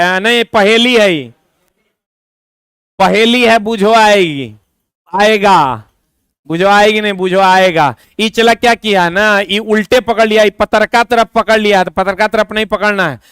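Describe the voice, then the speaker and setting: Close-miked and dry, with no echo, a high-pitched man's smooth, clear, fairly bright voice guides students through exam prep. He's chatty and repetitive, slipping in quick asides as a teacher.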